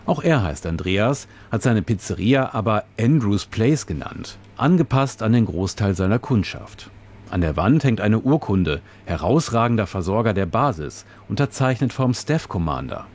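Reading from a script, this fairly low-voiced radio reporter tells his report with measured, descriptive care, as if narrating a story. His pitch swings widely, and his tone is a little mellow.

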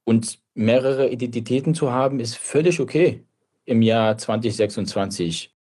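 Man, interview guest, even middle voice, thoughtful measured answers. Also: medium pitch. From Kurdish family, grew up in Germany. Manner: reflective and measured, with brief restarts.

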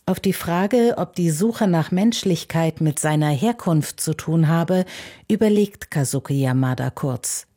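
A woman reporter reading scripted news narration in a clear, even way. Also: low-pitched, measured pace.

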